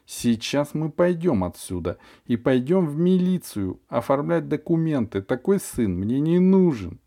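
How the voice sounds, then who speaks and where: A man's voice: fairly high pitch, big pitch swings, unhurried, dark tone, voice pushed up. A man voicing an exasperated mother who pleads with her stubborn son and then threatens him. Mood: threatening.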